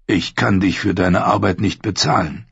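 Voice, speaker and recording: A man voicing a calm, solemn knightly lord in an audiobook, measured and steady. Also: sits low, vocal fry, slightly rough, no room sound, muffled recording, heavily acted.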